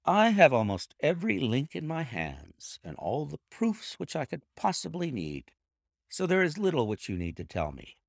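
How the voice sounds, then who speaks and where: A man reading aloud and voicing a calm, stern, commanding male detective in a cool, cutting, measured way. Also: on the high side, creaky, no room sound, studio quality, pitched above the performer's own voice, full character voice. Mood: coolly accusing. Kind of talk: audiobook character voice.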